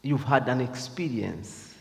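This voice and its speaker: A man's voice: mid-range voice, takes it slowly, gravelly, big-room sound. A man with a Zambian accent giving a reflective devotional talk, hesitant and full of fillers. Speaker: speaker.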